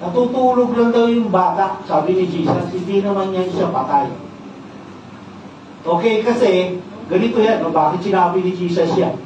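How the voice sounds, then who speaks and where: Male Filipino pastor, high voice, teaching style with tag questions, distant mic in a very echoey church. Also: normal speed, a little mellow. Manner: teaching, frequent "no?" tag questions, mixes English terms. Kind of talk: sermon. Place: church worship service. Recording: echoey church hall, distant mic, dull sound, faint noise.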